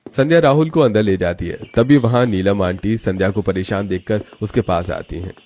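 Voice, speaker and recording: A man narrating a cartoon story in a steady, even storytelling voice. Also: fairly low pitch, fairly quick.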